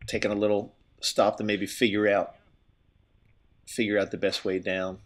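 Filming with a helmet camera on a steep outdoor slope, a winded skier narrates his run casually. His fairly low, flat voice moves at a moderate pace, breathy and stop-and-start, with restarts.

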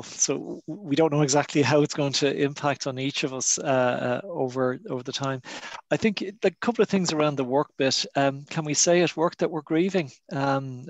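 Soft-spoken irish guy on a video panel, lots of ums, dry close sound. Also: medium pitch, dry recording. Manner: gentle, hesitant, many fillers. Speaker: bereavement panelist. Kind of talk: online panel discussion. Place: home, video call.

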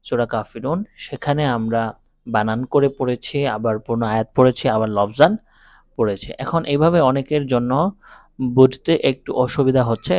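A man teaching a Quran lesson, explaining pronunciation step by step and reciting verses slowly in a chanting melody. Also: medium pitch, no echo, clean studio sound.

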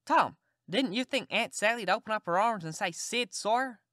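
A woman's voice: mid-range voice, animated, normal speed, fairly bright tone, no echo, clean studio sound, voice pushed up, close to an everyday voice. Tom Sawyer, a woman doing a sly Southern boy. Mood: mock-innocent. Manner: mock-innocent, polite, drawling. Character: cheeky, playacting Southern boy, sly and innocent.

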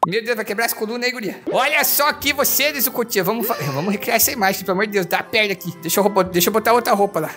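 A man voicing Zenitsu, squeaky and excitable. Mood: playful. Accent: Brazilian Portuguese. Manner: excitable, playful, flirty, quick to squeal. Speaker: VR roleplay streamer. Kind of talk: in-character VR roleplay. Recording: background music playing.

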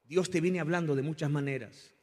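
A male pastor preaches with fervor, his voice climbing and falling as he calls the congregation to repeat after him. His slightly husky voice rings through a church hall with a long reverb. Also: brisk, a little mellow. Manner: impassioned preaching, rising and falling in pitch and volume. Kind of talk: sermon.

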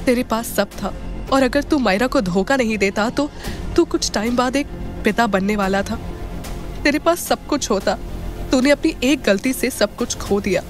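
A woman voicing a quick-tempered young male friend in an audio drama, scolding with a raised voice. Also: on the high side, faint music behind, lightly acted. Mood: exasperated.

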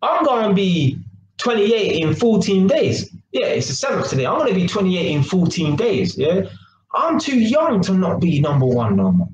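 A vlogger in his twenties talks casually to a webcam held at arm's length in a small, echoey kitchen, animated, gesturing, full of slang and constantly asking "yeah?". His voice is high and moderately paced, with the highs cut off, a crowd in the background and faint noise.

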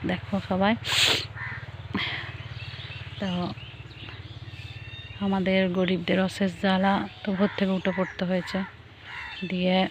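A woman talking softly and chattily into her phone outdoors in the cold early morning, sounding chilled. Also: medium pitch. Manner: soft, hushed, chatty. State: cold and shivering. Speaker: village vlogger. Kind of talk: casual vlog walkthrough. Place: outdoors in foggy fields at dawn. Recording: faint outdoor noise.

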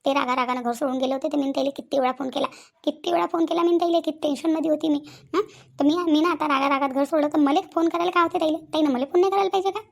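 A woman's voice: sits high, fairly even intonation, very fast, vocal fry. A woman voicing a sulky, stubborn young wife. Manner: complaining, repeats herself. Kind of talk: cartoon voice acting.

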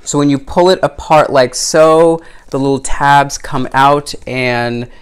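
A man's voice: mid-range voice, steady tone, takes it slowly, clean tone. A man reviewing a collector doll in an unboxing vlog. He gushes, gasps and squeals, and chats directly to his viewers and to the doll's designer. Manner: gushing, exclamatory, frequent gasps and squeals.

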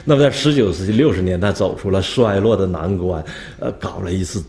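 A man's voice: deep voice, brisk, mellow. A male history professor gives a storytelling lecture, posing rhetorical questions and chuckling at his anecdotes. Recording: roomy lecture hall echo.

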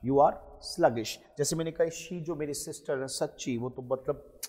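Man, English tutor, husky, patient and explanatory, drills words slowly, long reverb around him. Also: fairly high pitch, fairly even intonation, darkish tone. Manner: explanatory, repeats words slowly for pronunciation practice. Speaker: spoken English teacher. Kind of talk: classroom-style English lesson explained in Hindi.

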